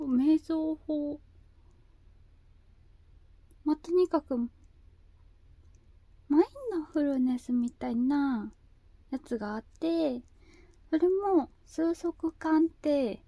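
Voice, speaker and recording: A woman speaks in a high, cutesy anime-girl voice with a very mellow, gentle tone. She talks very slowly in a casual monologue, hesitating and repeating herself as she goes. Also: no echo. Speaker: video host.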